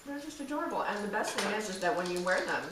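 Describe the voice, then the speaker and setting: Upbeat woman craft co-host, giggly, far from the mic in a boomy space. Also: lively intonation, fast talker, a loud crowd. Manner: enthusiastic, giggly, lots of agreeing hums. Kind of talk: casual crafting chat. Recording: echoey room, distant mic, faint background noise.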